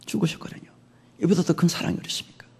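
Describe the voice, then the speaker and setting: A man pastor preaching an animated sermon that acts out dialogue, in a long-reverb church. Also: rapid-fire.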